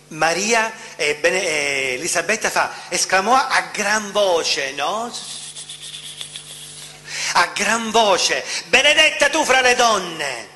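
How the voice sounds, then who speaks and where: A man gives a sermon in a big reverberant hall, his voice bright and ringing and a little high for a man. He presses his points with questions and repeats key phrases. A faint hum sits underneath. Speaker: preacher.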